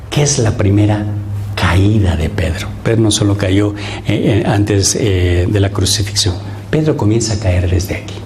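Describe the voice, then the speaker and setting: A man's voice: on the low side, slight background noise. A man preaching as a priest at a Lenten retreat, asking his listeners rhetorical questions and acting out the voices he quotes. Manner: animated, acts out quoted voices, asks the audience rhetorical questions.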